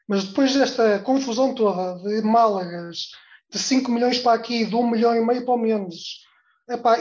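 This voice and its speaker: A man calling in to give his opinion, indignant and emphatic, dropping "pá" as he talks. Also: very high-pitched. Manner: indignant, emphatic, uses "pá" and "epá". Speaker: caller. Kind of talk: phone-in opinion. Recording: dull lo-fi call audio.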